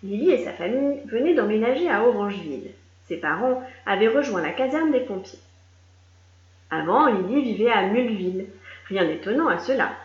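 A woman reading a children's story aloud in a lively, animated way, doing voices for the characters. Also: mid-range voice, moderate pace. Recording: echoey room, dull lo-fi sound.

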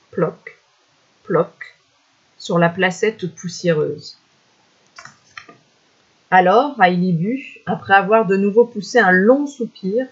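A storyteller reading a folk tale aloud in a measured, expressive way, on a dull lo-fi recording. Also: medium pitch, husky.

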